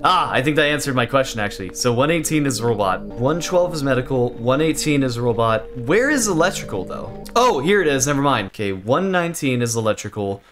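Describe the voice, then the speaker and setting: A man's voice: mid-range voice, lively intonation, brisk, few pauses, fairly bright tone. Joking, swearing young man playing a game. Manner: joking, swears, thinks aloud. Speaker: let's play host. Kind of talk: casual gameplay commentary. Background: guitar music.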